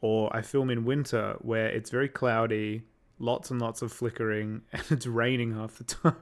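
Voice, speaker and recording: Young aussie guy rambling on a livestream, thinking out loud, mid pitch. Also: little pitch movement, normal speed. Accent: Australian. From Australia. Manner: rambling, thinks aloud, reads out chat questions. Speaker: livestreamer making visual effects. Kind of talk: casual livestream chat.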